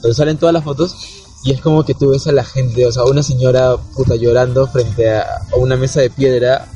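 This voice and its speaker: A man's voice: medium pitch, brisk, soft background music. A young man with a Peruvian Spanish accent, chatting casually and using slang. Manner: relaxed and slangy, chiming in. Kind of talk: casual chat.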